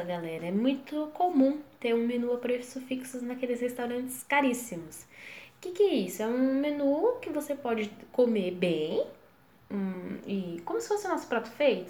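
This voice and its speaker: Brazilian woman, French teacher, unhurried and higher voiced, repeats and translates, echoey room. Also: mellow. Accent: Brazilian Portuguese. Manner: repeats each phrase slowly and translates it. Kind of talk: language lesson.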